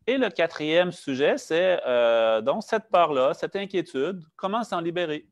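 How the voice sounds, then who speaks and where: A man fluently restating a Buddhist teacher's points in French, explaining clearly with a few light fillers. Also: fairly high pitch, expressive, unhurried. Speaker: interpreter and assistant. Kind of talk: relaying a talk in fluent French.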